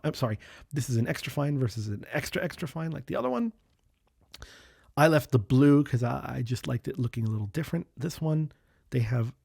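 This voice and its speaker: A man's voice: mid-range voice, a little mellow, no echo, clean studio sound. A man hosting his own channel, giving an enthusiastic, casual review of small pens, often repeating words as he talks.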